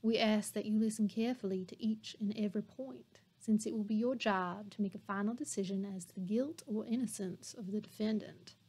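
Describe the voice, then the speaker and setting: A woman's voice: mid-range voice, steady tone, darkish tone, husky, close to an everyday voice. A woman doing a grave Georgia-drawl judge. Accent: put-on Georgia drawl. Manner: slow, measured formal address. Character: grave male courtroom judge, solemn and formal. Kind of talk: audiobook read-aloud.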